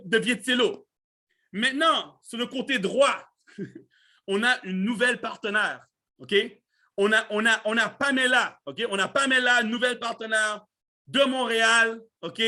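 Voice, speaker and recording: A Canadian man with a very high, bright, pushed voice hosts a live online business training. He gives a casual motivational talk to a live chat, animatedly repeating himself and dropping in words.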